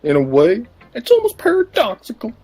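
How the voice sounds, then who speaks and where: Player doing a friendly teen club president; soft dark voice, animated reading. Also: mid-range voice, a little fast, husky, faint music behind, pitched above the performer's own voice, heavily acted. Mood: musing. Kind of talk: reading visual novel lines aloud.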